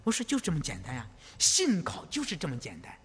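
Husky-voiced pastor preaching in an echoing hall. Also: male voice, a little high, brisk. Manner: animated, repeats phrases, asks "you know?". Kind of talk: sermon.

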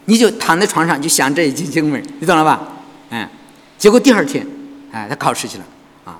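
Male pastor, high husky voice, animated sermon, echoing church hall. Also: fairly quick. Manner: animated preaching with frequent rhetorical questions to the congregation.

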